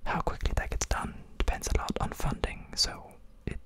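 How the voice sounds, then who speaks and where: An ASMR streamer speaking in a soft, breathy whisper, informally chatting to live viewers close to the microphone. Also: normal speed. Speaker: streamer and game developer.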